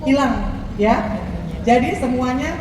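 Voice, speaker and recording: In a large, echoey mall event space, a high-voiced woman coaches models on posture and walking, speaking slowly and conversationally with rhetorical questions. The instructive talk is captured from far off, with echoey hall audio and a noisy background.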